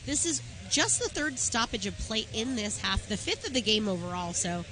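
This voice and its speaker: A woman giving measured, informative color commentary on a live roller derby game. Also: a little high, sing-song.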